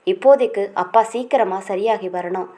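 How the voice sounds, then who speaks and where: A woman's voice: mid-range voice, normal speed, mellow, lightly acted. A woman voicing a caring young woman who soothes and reassures her crying friend in a read-aloud novel. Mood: reassuring.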